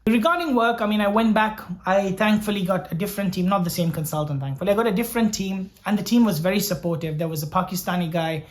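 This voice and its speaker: In his personal storytelling vlog, this young Sri Lankan doctor reflects earnestly on his experiences, frequently repeating words while he thinks aloud. He talks quickly with few pauses in a high voice.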